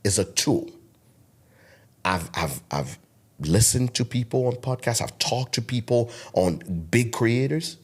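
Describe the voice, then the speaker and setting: He speaks unhurriedly in a mid-range, slightly rough voice with lively intonation. The speaker is a man in his thirties, raised in Togo with French as his native tongue and a French West African accent, preaching emphatically as a guest content creator in a podcast interview.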